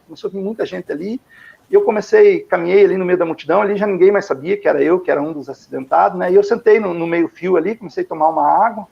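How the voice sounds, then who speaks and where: Quick, gravelly older Brazilian man. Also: high voice, a little mellow. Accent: Brazilian Portuguese. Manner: rambling, repeats himself, many fillers. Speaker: guest giving a testimony. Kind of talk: emotional storytelling. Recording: dull lo-fi recording.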